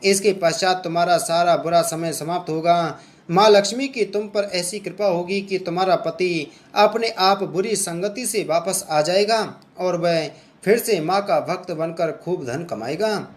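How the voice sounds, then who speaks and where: A man's voice: high voice, a little slow. A man voicing a kind old temple mother who consoles and instructs in a soothing way. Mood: instructing. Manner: soothing, reassuring.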